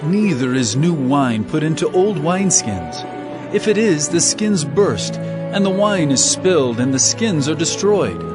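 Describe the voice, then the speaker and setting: An expressive, compassionate Jesus over music. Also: male voice, on the high side, measured pace. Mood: earnest, teaching. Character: Jesus, compassionate and authoritative male teacher. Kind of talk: dramatized audio Bible acting. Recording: music behind the voice. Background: background music.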